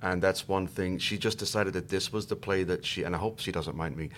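A man's voice: deep voice, fairly even intonation, brisk, fairly bright tone, a little hiss or hum. A middle-aged Irish man chatting as a podcast guest, hesitant and self-deprecating, often repeating words as he goes. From Ireland. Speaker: guest actor. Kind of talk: casual podcast chat.

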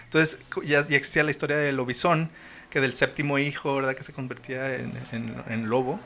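A man's voice: medium pitch, a little fast. A man hosting a podcast, chatting casually and asking lots of questions. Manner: relaxed, chatty, asks many questions. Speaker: podcast host. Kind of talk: casual chat. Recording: faint background noise.

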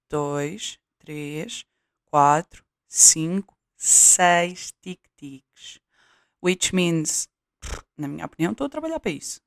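A woman's voice: low-pitched, no echo, clean studio sound. A young woman with a European Portuguese accent, chatting casually in a home vlog and testing a new cheap microphone. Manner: chatty, scattered, frequent fillers and restarts. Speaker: vlogger. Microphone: new cheap USB mic, placement shifting.

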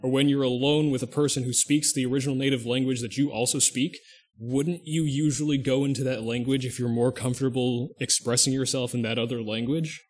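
Speaking fairly quickly with a medium-pitched, fairly even voice, this podcast co-host chats casually. His talk wanders as he thinks out loud, with frequent restarts and mid-sentence self-corrections.

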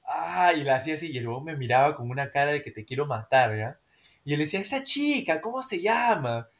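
A young man with a Peruvian Spanish accent, casually telling a party story on a podcast and acting out the dialogue in an animated, slangy way. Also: medium pitch, fast, gravelly. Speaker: podcast co-host.

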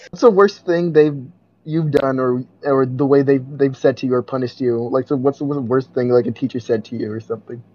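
A man's voice: medium pitch, fairly even intonation, brisk, darkish tone, no echo. A man co-hosting a podcast in casual chat, teasing his friend and prodding him with questions. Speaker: podcast co-host. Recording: dry, dull lo-fi sound.

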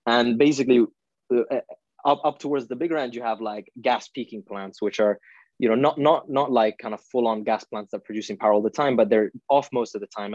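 A man's voice: on the low side, darkish tone, no room sound, dull audio. A young man from India, raised in Italy, talking as a podcast guest and explaining things with everyday examples and many "you know"s. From born in India, grew up in Italy. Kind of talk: conversational explanation.

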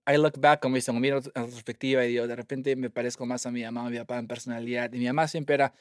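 A young man, a guest telling his story in a lively way and slipping English phrases in among fillers. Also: mid-range voice, racing, dry recording, studio quality. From Peru. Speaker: guest scientist. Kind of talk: casual interview storytelling.

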